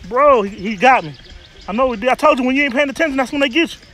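High-voiced man hyping his catch outdoors. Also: racing. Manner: loud, laughing, profane hype talk. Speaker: vlogger fishing off a riverbank. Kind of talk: casual fishing vlog banter. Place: grassy riverbank outdoors. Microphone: phone camera held or propped nearby.

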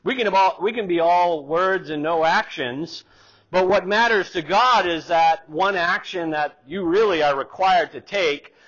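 With a high, slightly bright voice and an unhurried pace, a middle-aged pastor preaches in a church sanctuary by a wooden pulpit. He reads scripture aloud, building emphasis. The recording is lo-fi and a little dull.

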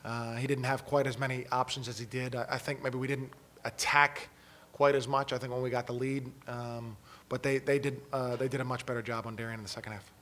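Halting man at a postgame presser. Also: mid-range voice, flat delivery, fairly bright tone. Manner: halting, many restarts and fillers. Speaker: head basketball coach. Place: press conference room. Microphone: table mic.

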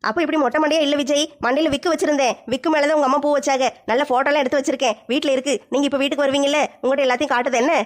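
A woman's voice: high voice, fairly even intonation, racing, hardly any pauses. A woman acting a village comedy sketch in a brash, mocking way. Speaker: comic sketch performer.

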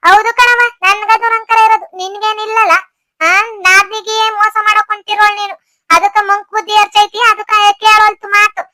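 A woman plays a defiant cartoon village woman who taunts and lectures her in-laws with a North Karnataka Kannada accent. Her voice is very high and bright, quick, and dry-sounding. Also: flat delivery, dry recording, soft background music. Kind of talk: cartoon voice acting.

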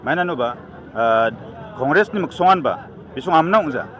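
At an evening gathering outdoors, handheld news mics pressed close and crowd noise behind him, a middle-aged candidate with a Northeast Indian accent argues emphatically to the press, mixing in English. His fairly high voice is a bit bright, with lively intonation and a fairly quick pace.

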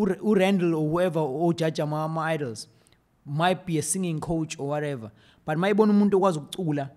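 A man in his thirties speaks quickly and eagerly in a slightly high voice. He talks casually as a podcast guest, sliding between English and Zulu. He's recorded close on a desk mic in a small dark studio. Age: 30s. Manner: fast, animated, mixes English with Zulu. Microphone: desk mic on boom arm.

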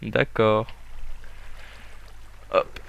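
A young man giving jokey, excitable let's play commentary, talking to the game as he plays. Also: lowish voice, drawn-out words, gravelly, dry recording, highs cut off. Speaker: gaming YouTuber.

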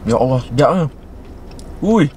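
A man's voice: mid-range voice, animated, unhurried, a little mellow, slight background noise. A man with a Malaysian accent, reviewing food in casual chat while chewing food, murmuring his approval.

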